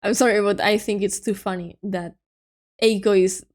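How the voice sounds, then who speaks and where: A woman's voice: mid-range voice, fairly even intonation, moderate pace, a little mellow, a little hiss or hum. A woman streamer giving casual let's-play commentary in chatty, amused asides. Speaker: game streamer.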